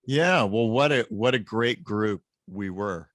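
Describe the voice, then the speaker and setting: A man in his late fifties tells a story in a casual interview, slow and unhurried, his voice sitting a little low. He sounds animated and close to the mic, with a dry sound and no room around him. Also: dry recording. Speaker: guest, professor.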